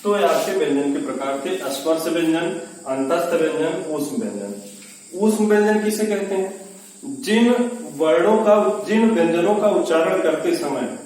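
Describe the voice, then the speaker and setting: A man's voice: fairly high pitch, a little mellow, recorded from a distance. A man teaching an exam-prep grammar lesson, patiently repeating terms, asking questions he then answers himself, and sounding out syllables in a sing-song way. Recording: echoey room, voice away from the mic, faint hiss.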